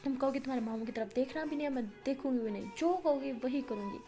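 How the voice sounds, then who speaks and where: A woman's voice: high voice, warm tone. A woman voicing a tender, pleading young female student in a storytold romance. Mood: insistent. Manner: pleading, insistent.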